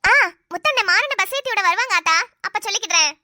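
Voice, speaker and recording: A woman's voice: very high-pitched, lively intonation, quick pace, bright, forceful tone, no echo, clean studio sound, heavily acted. A woman voicing a bold, cheeky young girl in a cartoon. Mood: reassuring. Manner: teasing, self-assured. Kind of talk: cartoon voice acting.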